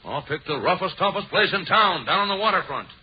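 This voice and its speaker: An actor playing a pompous, snooty rich playboy in 1940s radio comedy, with affected, stammering flourishes. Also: male voice, high voice, expressive, a little fast. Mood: scheming, vengeful. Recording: muffled old radio recording, faint noise.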